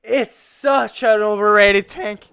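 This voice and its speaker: A drunk livestream host rambling and swearing through casual commentary, getting drunker and prone to excitable shouting. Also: medium pitch, slow, vocal fry, clean tone.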